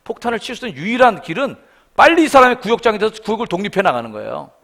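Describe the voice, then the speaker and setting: In a church sanctuary, a middle-aged man preaches a revival sermon, telling stories with animation and acting out the voices of the people in them. His voice is high-pitched and racing, with vocal fry.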